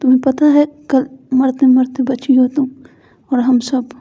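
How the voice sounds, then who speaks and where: A woman's voice: high-pitched, level tone, unhurried, dark tone, slightly rough, full character voice. A woman voicing a stern, domineering middle-aged father who scolds harshly, in a dull lo-fi recording. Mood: angry.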